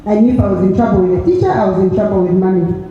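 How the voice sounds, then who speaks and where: A woman in her forties with a Ugandan accent, speaking in a measured, reflective way about her life and family. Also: mid-range voice, heavy reverb, in a large hall, distant mic, muffled recording, a little hiss or hum. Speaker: interviewee sharing experiences. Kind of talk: reflective personal talk.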